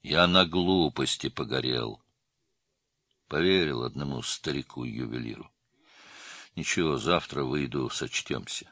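A gruff, curt criminal prisoner, put on by a male audiobook reader, speaking in a very deep, dark, gravelly-low register that sinks lower still when he turns guarded. His lines are terse, clipped and tight. The recording is dry and close, with no room sound at all. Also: unhurried, pauses often, dry recording, full character voice.

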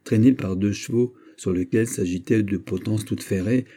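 A man reading a classic novel aloud as an audiobook narrator, in a measured storytelling manner. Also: lowish voice, dark tone, husky. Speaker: audiobook reader.

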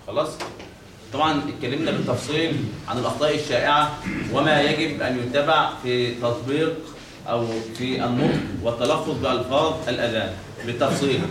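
A man's voice: medium pitch, steady tone, fast, background noise. Egyptian man teaching in an echoey room. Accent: Egyptian Arabic. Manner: drills pronunciation, repeats examples, checks with "خلاص؟". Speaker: teacher of the call to prayer. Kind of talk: classroom lesson with demonstrations. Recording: echoey room, mic at a distance, faint ambience.

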